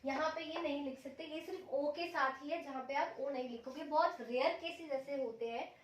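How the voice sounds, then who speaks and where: A high-voiced woman gives a language lesson, walking through each rule patiently and repeating every example. She sits some way from the mic in a room with a clear echo. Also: normal speed. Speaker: Japanese language teacher. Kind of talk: explaining a lesson step by step. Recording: echoey room, mic at a distance.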